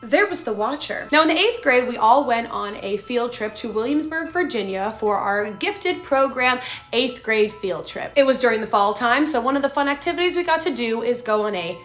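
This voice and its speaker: Young woman, slightly high voice, chatty spooky storytime, animated and filler-heavy. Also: normal speed, soft background music.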